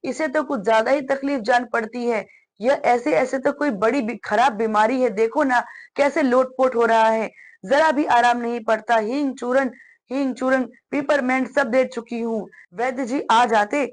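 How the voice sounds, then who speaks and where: A woman reading aloud and voicing a loving mother who fusses anxiously over her ailing son. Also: slow pace. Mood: worried. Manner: soothing yet worried, raised pitch.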